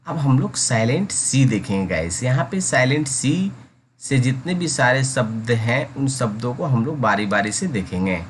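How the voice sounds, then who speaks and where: A man teaching English pronunciation in Hindi, repeating each word slowly and calling his listeners guys. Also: mid-range voice, animated, a little hiss or hum. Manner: slow, drawn-out repetition of each word. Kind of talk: pronunciation lesson.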